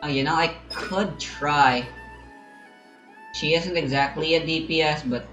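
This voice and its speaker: A gamer records himself playing, offering casual, rambling commentary in an offhand, musing way. His voice is a little high and unhurried, with roomy echo and game music underneath.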